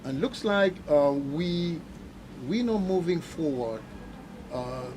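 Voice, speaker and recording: A man, a journalist, asking a long, halting question at a press event. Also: a little high, lively intonation, darkish tone, slight background noise, rough recording. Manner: halting, many fillers and restarts.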